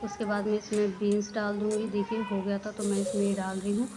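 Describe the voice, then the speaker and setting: A woman chats through her daily home vlog, homely and talkative, drifting from one thing to the next. Her pitch stays flat and level, and clear background noise from a family home runs under her voice. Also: fairly quick. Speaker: daily vlogger. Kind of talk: casual chatty vlog narration.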